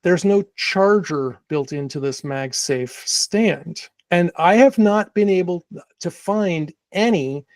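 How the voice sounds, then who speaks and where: Gravelly higher-voiced male podcast host. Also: slow pace, dry recording. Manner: rambling, many restarts and fillers. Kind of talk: casual chat.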